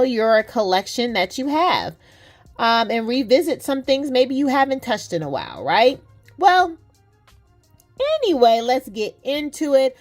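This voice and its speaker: A woman talks to camera about fragrances, lively and chatty, full of playful slang, and mentions that her nose is a little stuffy. Her voice runs on the high side.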